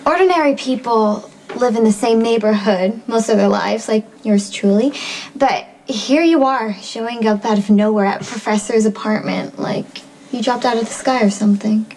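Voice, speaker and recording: This is a woman playing a chatty young neighbor who keeps digging with eager questions. Her voice sits a bit higher than most. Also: normal speed, a little mellow, slight background noise, lightly acted. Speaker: nosy neighbor taking piano lessons. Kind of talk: daytime soap opera acting.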